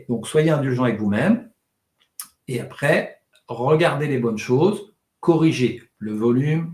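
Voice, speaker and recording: Guy running a public speaking class online, talks fast, mumbles a bit, acts out examples, echoey room. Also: medium pitch. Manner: demonstrative, exaggerates loud, fast and monotone delivery for effect; tends to talk fast and swallow words. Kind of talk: live online training session.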